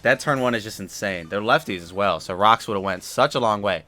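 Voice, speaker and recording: Still groggy from a nap, a man provides relaxed, chatty commentary on a Pokemon battle he's playing at home. His voice is fairly low and brisk, peppered with fillers, and now and then he bursts out loudly in excitement.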